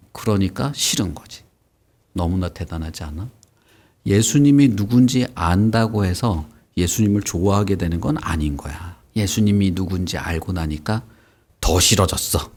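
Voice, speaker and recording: A man teaching a Bible lesson to children, animated and questioning the kids as he goes. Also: lowish voice, moderate pace. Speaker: Sunday school teacher.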